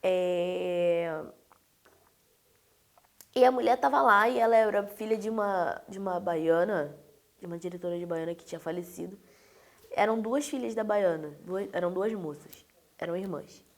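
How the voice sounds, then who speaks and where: A woman hosting a casual chat, telling animated stories. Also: normal speed, long pauses. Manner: animated storyteller, mimics people with loud high voices. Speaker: host.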